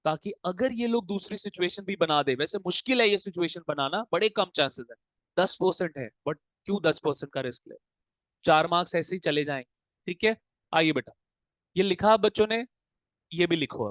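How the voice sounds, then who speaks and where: A man's voice: high-pitched, lively intonation, moderate pace, a bit bright, no echo. A male accounts teacher, mixing Hindi and English while he drills a class with repeated questions. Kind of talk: classroom lesson.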